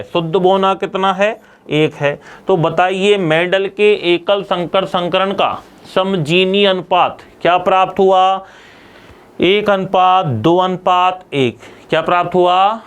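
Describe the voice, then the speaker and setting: Male science teacher, high ringing voice, call-and-response drilling style. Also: smooth. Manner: asks students questions and answers them himself; repeats key terms for drilling. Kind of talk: classroom lecture.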